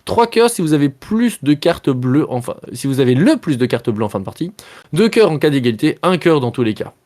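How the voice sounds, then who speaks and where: A man's voice: on the high side, animated, fairly quick, a little mellow. A man hosting a live board game stream, chatting casually with viewers, joking about himself and reading card texts aloud as he plays. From Belgium. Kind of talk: casual live-stream chat while playing.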